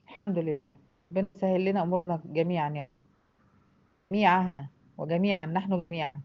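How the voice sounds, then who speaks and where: A woman with an Egyptian accent teaches tajweed at a brisk pace. She explains each rule patiently and keeps checking whether her students follow. The recording sounds dull and lo-fi. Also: on the low side, fairly even intonation. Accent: Egyptian Arabic. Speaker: Quran recitation teacher. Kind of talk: online tajweed lesson.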